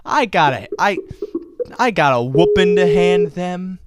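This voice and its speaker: A young man with a high, animated voice hosts a racing podcast at a measured pace. He banters theatrically, mocks himself, and swings into silly voices.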